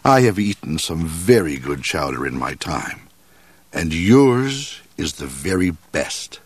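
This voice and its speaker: A man voicing a big, calm, formal moose in a storybook, speaking slowly and gravely. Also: low-pitched, no echo, voice pushed down, full character voice. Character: big, calm, lordly male blue moose.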